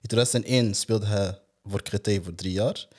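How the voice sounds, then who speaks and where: A man, hosting a casual football podcast and reading player facts in a steady, matter-of-fact way. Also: on the low side, fairly quick, slightly rough.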